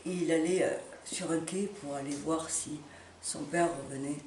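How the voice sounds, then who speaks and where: A woman with a low, steady, darkish voice delivers an impromptu, impassioned monologue to camera, making a personal appeal. She speaks haltingly and emphatically, repeating words and phrases. The distant mic captures a roomy space with background noise.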